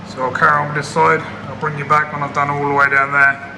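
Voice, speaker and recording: A man's voice: fairly high pitch, level tone, fast. A man chatting casually while he restores and polishes a car in his workshop, a bit out of breath. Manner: chatty, down-to-earth, self-deprecating. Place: garage workshop. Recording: roomy workshop with clear background noise.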